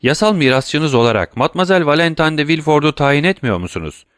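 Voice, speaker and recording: A man's voice: a little high, animated, a little fast, a bit bright, clean tone, no echo, clean studio sound, voice pushed up. A man voicing a formal, bewildered notary in an audiobook, asking careful questions. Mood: questioning. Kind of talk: audiobook reading.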